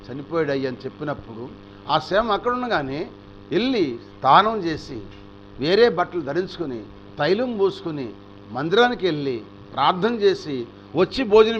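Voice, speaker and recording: A male pastor preaching a storytelling sermon, animated and asking the congregation rhetorical questions. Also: fairly high pitch, muffled recording, a little hiss or hum.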